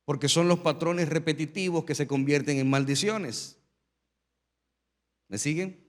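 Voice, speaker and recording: A man preaching a sermon as pastor, telling his own testimony and building to loud, emphatic preaching. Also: on the high side, measured pace, in a large hall.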